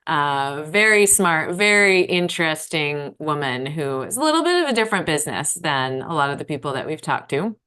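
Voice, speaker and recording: Co-host, woman, slightly low voice, loose and chatty with jokey tangents. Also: animated, moderate pace, few pauses, bright, forceful tone, clear, resonant tone. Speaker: podcast co-host. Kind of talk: casual podcast chat.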